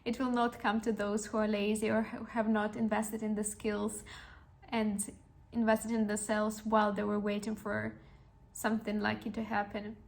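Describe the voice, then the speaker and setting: A woman in her twenties speaks in a mid-range, monotone, creaky voice at normal speed, telling a personal story on her podcast. The monologue is reflective, earnest and encouraging, and she restarts often.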